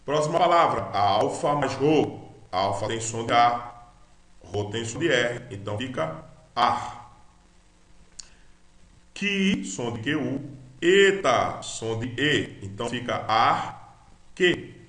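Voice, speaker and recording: Slow Brazilian man teaching in an echoey room. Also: medium pitch, animated, a bit bright. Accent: Brazilian Portuguese. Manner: spells out letters and sounds, has you repeat after him. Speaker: Greek teacher. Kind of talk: slow recorded language lesson.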